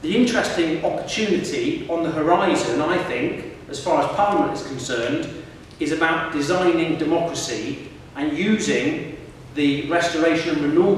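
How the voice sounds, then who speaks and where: A middle-aged professor with a fairly high voice for a man gives a lively public lecture, putting questions to the students in front of him. He is recorded from far off in a large, echoey hall with long, booming reverb and a little hiss or hum.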